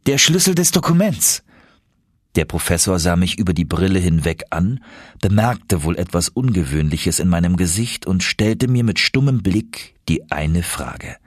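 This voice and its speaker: A man reading first-person audiobook narration in a steady, measured storytelling manner. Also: deep voice, no room sound, clean studio sound.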